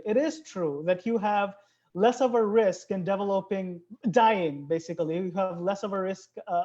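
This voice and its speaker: An earnest biologist from Bangladesh explains things during an interview. The voice is mellow and warm in tone. The recording is dull and lo-fi. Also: medium pitch. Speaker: biologist guest.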